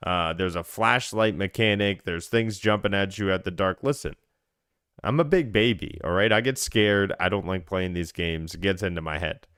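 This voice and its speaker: A man's voice: sits low, normal speed, fairly bright tone, clear, resonant tone. A man co-hosting a casual gaming podcast, chatty and self-deprecating, rambling with fillers. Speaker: podcast co-host.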